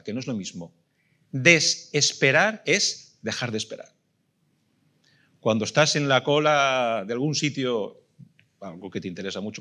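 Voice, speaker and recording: A man's voice: mid-range voice, bright, forceful tone, slightly rough. A middle-aged man with a Spanish accent from Spain preaching a sermon, emphatic and full of rhetorical questions that he repeats for weight. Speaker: pastor.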